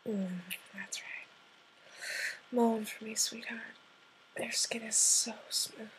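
A woman in an intimate audio roleplay addressed to the listener, talking in a soft, half-whispered voice that coaxes and gently commands. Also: on the high side, little pitch movement, slow pace, low-quality recording.

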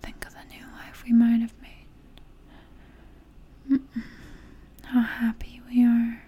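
Woman whispering real slow, super breathy, high but dark and mellow tone. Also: completely flat delivery. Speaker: audio roleplay performer. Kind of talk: intimate whispered audio roleplay.

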